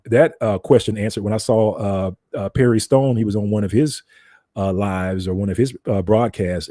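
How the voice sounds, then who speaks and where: A man's voice: lowish voice, warm tone, no room sound, studio quality. An American man giving an informal teaching talk in a conversational, explanatory way, repeating phrases for emphasis. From United States. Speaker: broadcaster.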